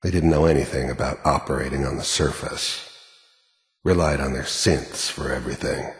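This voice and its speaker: An actor voices a hardened, cynical middle-aged mercenary in a video game, speaking in monologue and dialogue with an American accent. His gruff bass voice moves at a moderate pace, terse, matter-of-fact and sardonic, cold, reflective, menacing and world-weary. Echoey, hall-like reverb surrounds the recording.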